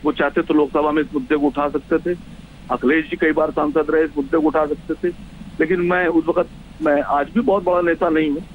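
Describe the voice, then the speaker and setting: A man's voice: a little high, steady tone, brisk, slight background noise. A male party spokesman arguing insistently as a panelist in a political debate. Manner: insistent, argumentative. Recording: tinny phone-like remote line.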